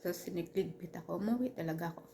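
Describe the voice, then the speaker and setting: A woman telling a personal story in casual storytime style, halting with many restarts and fillers, earnest and turning heated at times. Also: lowish voice, creaky, warm tone, a little hiss or hum.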